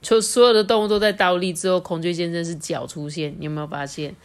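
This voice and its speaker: A woman reading a picture book aloud to her child, lively and asking the child questions. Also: fairly low pitch, fast.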